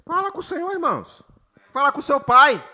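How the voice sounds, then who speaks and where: Man, pastor from Brazil, sermon, very bright tone, high voice, emphatic. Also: big pitch swings. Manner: preaches with rising emphasis, addresses the congregation often; reads scripture slowly and has the congregation repeat words. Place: church retreat gathering.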